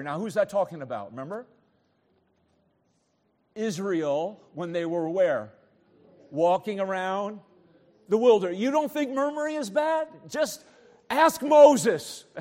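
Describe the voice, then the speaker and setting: A man's voice: high-pitched, lively intonation, unhurried, pauses often, darkish tone, long reverb tail. A man preaching a sermon as pastor, acting out grumbling voices and switching between muttering and raised preaching.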